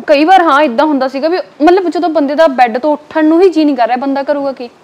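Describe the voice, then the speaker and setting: A woman's voice: high-pitched, darkish tone. A young woman from Punjab in India, speaking frankly as a guest in a casual interview and filling her talk with small tag words. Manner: quick, frank and plain-spoken, with many filler tags.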